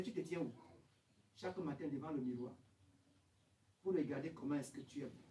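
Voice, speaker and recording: Pastor guy preaching, high voice, yells then goes quiet, echoey church, bit of hiss. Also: far from the mic. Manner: preaching with shouted high peaks and quiet questioning drops. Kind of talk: French-language revival sermon. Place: church hall. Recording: echoey church sound, from off the mic, faint noise.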